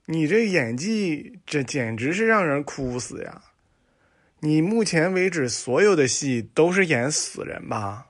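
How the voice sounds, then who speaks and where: Guy putting on a mocking heckler voice, sarcastic, louder. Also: on the high side, big pitch swings, unhurried, exaggerated voice. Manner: scolding, sarcastic. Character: heckling audience member, blunt and mocking.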